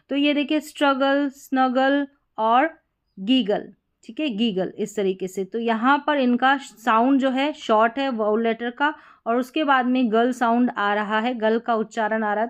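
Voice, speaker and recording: A woman's voice: a little high, smooth, dull audio. A woman teaching English spelling rules, patient and explaining step by step with many examples. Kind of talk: spoken spelling lesson.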